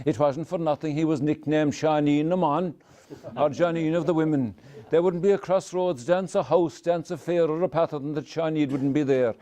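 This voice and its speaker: An older man with a Kerry Irish accent tells a folk tale to live listeners in a lilting, wry manner with dramatic pauses. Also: fairly high pitch, warm tone. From County Kerry, Ireland. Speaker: traditional storyteller. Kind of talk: oral folk storytelling to a live audience.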